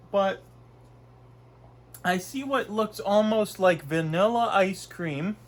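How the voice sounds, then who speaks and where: A young Canadian man, stuffy-nosed from a cold, rambles through a food review in his small bedroom. His voice sits high and he speaks extremely slowly, chatty and full of fillers and restarts.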